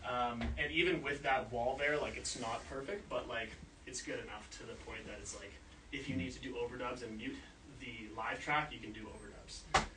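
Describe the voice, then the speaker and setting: A man's voice: medium pitch, fairly even intonation, moderate pace, noisy background. Rambling man touring a studio. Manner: rambling, heavy on filler "like". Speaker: studio engineer giving a tour. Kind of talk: casual walkthrough explanation. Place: recording studio, indoors. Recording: roomy sound, mic at a distance.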